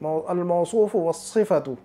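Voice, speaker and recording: Male tutor, warm low-key tone, slow drilling and quick asides. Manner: drills phrases slowly, then explains quickly. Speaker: Arabic teacher. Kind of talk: one-on-one language lesson.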